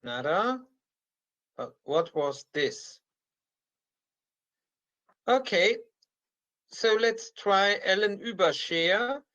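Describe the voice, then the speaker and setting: Man, conference moderator, unhurried slow delivery, hosting online, introducing speakers. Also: high-pitched, animated, sharp tone.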